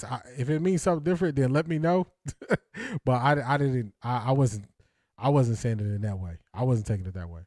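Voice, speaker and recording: A male sports talk host with a mid-range, slightly mellow voice reads viewer comments on a casual stream and responds. Clean studio sound with no room sound. His replies are hesitant, packed with restarts and fillers, plus laughs.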